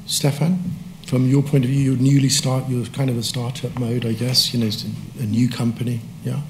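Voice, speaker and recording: A man's voice: medium pitch, little pitch movement, normal speed, echoey room, noisy background. A man moderating a panel discussion from a lectern, conversational with frequent fillers. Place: conference auditorium, standing at a lectern. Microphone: lectern microphone.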